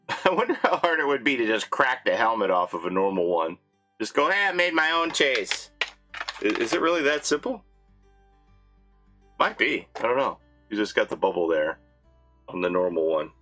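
A man who vlogs about collecting toys, chatting casually as he unboxes, swinging between excited highs and low muttered asides. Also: normal speed, pauses often, soft background music. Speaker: toy collector vlogger.

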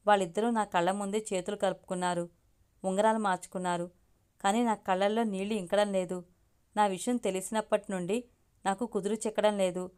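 A woman's voice: mid-range voice, darkish tone, smooth. A woman reading a story aloud as the channel's storyteller, narrating steadily in the first person.

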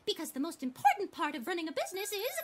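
An actress voicing a pompous, bossy woman company president who makes slow, theatrical pronouncements. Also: very high-pitched, huge pitch swings, very noisy, heavily acted.

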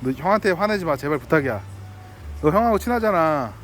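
A man's voice: a little high, lively intonation, fairly quick, a bit bright, faint music behind. A man vlogging outdoors, chatting playfully with dogs and their owner in a coaxing, friendly way and laughing often. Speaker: delivery driver vlogger. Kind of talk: casual talk to dogs and owner.

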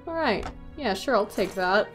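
A woman's voice: medium pitch, expressive, normal speed, music in the background. A woman in her twenties giving casual, sarcastic commentary as she plays a game. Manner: wry, sarcastic. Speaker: let's play host.

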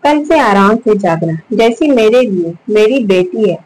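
A woman's voice: medium pitch, animated, measured pace, a little mellow, slight background noise, lightly acted, low-quality recording. A woman voicing a doting, insistent middle-aged mother-in-law in a spoken story. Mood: coaxing. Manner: affectionate, insistent.

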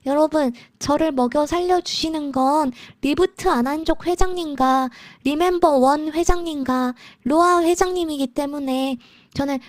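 High-pitched cute anime-style woman streamer. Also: moderate pace, dry recording. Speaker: live streamer, virtual idol. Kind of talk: casual live stream chat with viewers.

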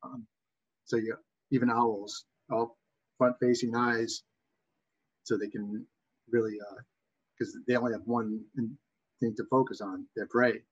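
A man with a Boston accent teaches in an informal lecture style. His mid-pitched voice is somewhat husky, and he often pauses and doubles back. The audio is dull and muffled, like a webcam microphone. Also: fairly even intonation. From Massachusetts, USA. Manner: halting, backtracking delivery. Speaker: bird identification instructor.

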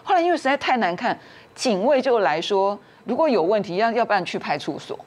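A woman's voice: mid-range voice, lively intonation, a little fast, darkish tone. A woman, a talk show guest telling a family story and acting out the quarrels in raised voices.

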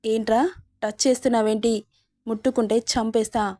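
A woman's voice: a little high, flat delivery, moderate pace, warm tone, no echo, clean studio sound, natural voice. A woman reading a storybook, voicing an angry young woman who hurls bitter, scornful accusations. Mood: furious.

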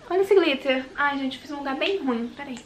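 Gushing high-voiced Brazilian woman vlogger. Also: fairly quick, slight background noise. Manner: gushing and excitable, dropping into whispers. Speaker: beauty vlogger. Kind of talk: casual makeup haul vlog. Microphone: handheld compact camera.

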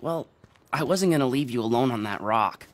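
A woman's voice: rumbling low, lively intonation, normal speed, no room sound. A woman voicing a friendly, easygoing teenage boy who likes to tease, in a cartoon. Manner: easygoing, teasing.

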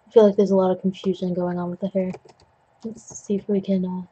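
Here a digital art tutorial host, a young adult, talks fast while painting at a desk at home, cracking puns, joking at their own expense and coughing now and then. Their mid-range voice is dark and husky with a level tone. The webcam mic cuts off the highs.

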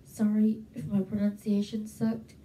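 This young woman speaks a little slowly with a warm, medium-pitched voice and a completely flat delivery, even as she vlogs chattily and enthusiastically from her small bedroom at home with frequent fillers. A handheld mic held close and a webcam capture her, yet the room echoes and she sounds distant.

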